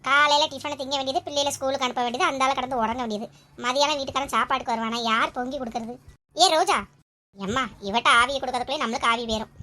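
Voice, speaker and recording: A woman's voice: sits high, fairly even intonation, racing, pushed and bright. A woman, playing nagging, scolding family members in a comedy family skit.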